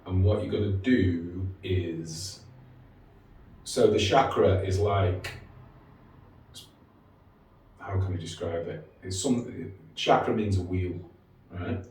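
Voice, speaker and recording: A man leading a calm, informal grounding exercise in a casual way, often checking in with short questions. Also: deep voice, takes it slowly, long pauses. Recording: distant, very echoey room with faint noise.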